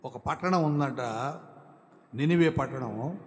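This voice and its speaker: A man preaching a sermon as a pastor, asking rhetorical questions and swinging between loud exclamations and low, quiet lines. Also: takes it slowly, long reverb tail. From India.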